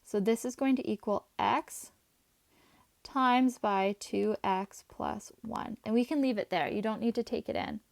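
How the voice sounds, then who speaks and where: A woman teaching a math class, chatty and talking her students through each step as she writes, her voice a little hoarse. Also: fairly high pitch, a little slow, darkish tone, dry recording. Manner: chatty, talks while writing, asides to students. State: voice going, slightly hoarse.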